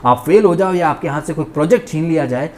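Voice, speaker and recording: A man's voice: on the high side, animated, fast talker. A man giving an indignant, ranting commentary monologue as a vlogger reviewing a show. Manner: indignant, ranting, mocking impressions.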